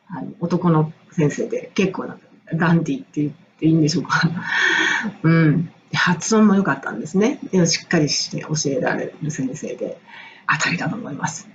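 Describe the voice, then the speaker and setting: A woman's voice: fairly low pitch, muffled recording, slight background noise. A middle-aged woman from Japan, an English and music coach, telling a personal story in a casual, enthusiastic monologue and laughing often.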